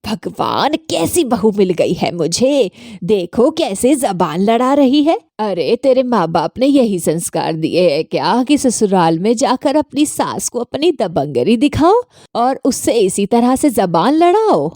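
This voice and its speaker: A woman voicing a grumbling elderly mother-in-law who complains in a lower, softer voice. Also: big pitch swings, measured pace, no room sound, studio quality.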